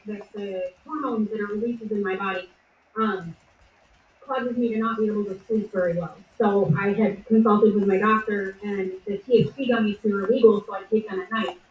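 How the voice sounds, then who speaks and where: A woman's voice: mid-range voice, a little mellow. A woman talking casually and at length, hesitant and full of fillers, recorded from a distance in an echoey room. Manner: rambling, hesitant with many fillers. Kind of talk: casual discussion.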